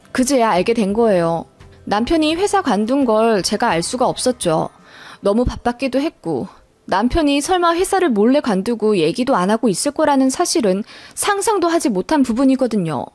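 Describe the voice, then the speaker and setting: Story narrator, woman, scripted first-person tale, lively swooping delivery, faint music underneath. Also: on the high side, normal speed, no echo. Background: soft background music.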